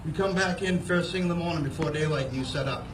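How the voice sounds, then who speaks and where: A man with a fairly high voice spins a folksy, humorous yarn in the manner of a moose-calling contestant. He is recorded from a distance outdoors at a fair, with echo and clear background noise. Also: fast talker. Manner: folksy, second-person yarn-spinning. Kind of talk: humorous storytelling with moose call demonstrations.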